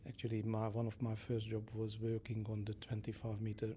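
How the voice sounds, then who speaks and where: A man in his sixties, originally from Hungary, speaking with a Hungarian accent as a guest engineer in a casual interview, measured and hesitant with frequent filler sounds. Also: lowish voice, completely flat delivery, warm tone, slight background noise.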